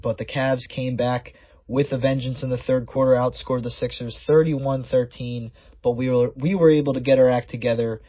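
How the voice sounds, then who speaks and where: A man's voice: mid-range voice, breathy edge, no echo. A man hosting a solo sports podcast in a conversational, stat-by-stat way, his voice sounding muffled and underwater. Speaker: podcast host.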